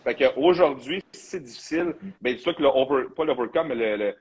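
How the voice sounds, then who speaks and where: A bodybuilding coach with a Quebec French accent hosts a casual live chat, talking loosely and freely and tossing in English slang. His medium-pitched voice is fairly quick with a breathy edge, and the recording is rough.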